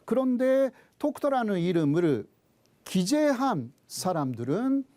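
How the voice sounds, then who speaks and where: High-pitched, animated Japanese-accented man lecturing. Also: slow pace, background noise. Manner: didactic, asks questions then answers them. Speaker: professor giving a lecture. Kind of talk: explanatory history lecture.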